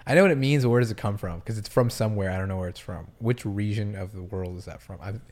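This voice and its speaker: A podcast host from Massachusetts who chats casually, asking curious questions with a dry, joking edge. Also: male voice, on the low side, fast talker, darkish tone. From Massachusetts, United States.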